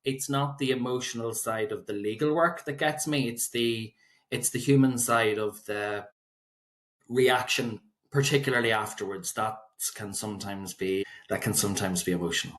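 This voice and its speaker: A man's voice: mid-range voice, steady tone, moderate pace, fairly bright tone. A man with an Irish accent giving conversational interview answers as an expert, explaining point by point. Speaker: solicitor, guest expert.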